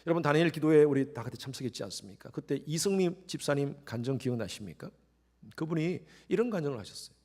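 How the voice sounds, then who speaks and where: A middle-aged male pastor preaching a sermon, swinging between quiet, intimate lines and sudden loud rises, and acting out the voices he quotes. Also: a little high, fast talker. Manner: acts out quoted voices with animated shifts.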